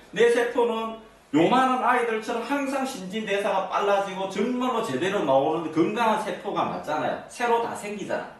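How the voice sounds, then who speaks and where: A man giving an interactive lecture to an audience, constantly asking them either-or questions. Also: high voice. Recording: echoey room, mic at a distance.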